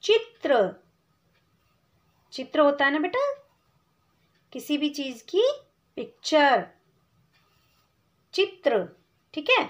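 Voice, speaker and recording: A woman teaching small children to read, patiently explaining step by step and sounding out syllables slowly and clearly. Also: high voice, expressive, a bit bright. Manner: addresses listener as "beta", checks in with "theek hai" often. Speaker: Hindi teacher for young children. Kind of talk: slow patient classroom explanation.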